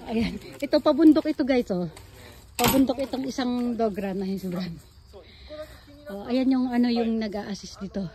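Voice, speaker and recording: Outdoors on a hillside garden and dog run, a woman films a casual walking vlog on her phone, chatting with viewers and calling her dog in a sing-song way, at times out of breath. Her voice is a little high and dark in tone, at a moderate pace.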